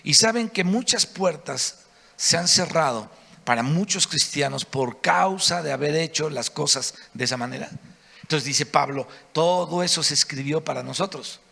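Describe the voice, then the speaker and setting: Mexican man preaching, high-pitched for a man, gravelly edge, lively storytelling, reverberant church hall. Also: moderate pace. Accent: Mexican Spanish. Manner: animated storytelling, acting out the quoted voices. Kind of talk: sermon.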